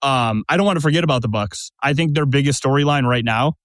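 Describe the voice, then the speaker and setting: A man's voice: medium pitch, fast talker, fairly bright tone, no echo. A man hosting a podcast, steadily laying out questions and scenarios in casual sports chat. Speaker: podcast host.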